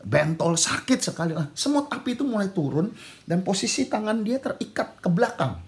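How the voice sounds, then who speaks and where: Male pastor, lively higher voice, dramatic storytelling sermon. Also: fairly quick. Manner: dramatic storyteller acting out voices, shouting at peaks.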